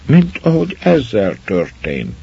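A man with a husky voice reading a folk tale aloud in a measured, expressive way. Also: mid-range voice, no room sound. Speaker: storyteller. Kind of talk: scripted story narration. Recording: muffled lo-fi recording.

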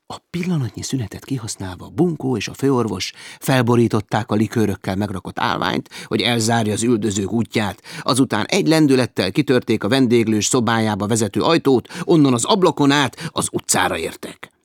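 A man reading a humorous adventure novel aloud with lively, varied emphasis. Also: mid-range voice, few pauses, no echo, studio quality. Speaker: audiobook narrator.

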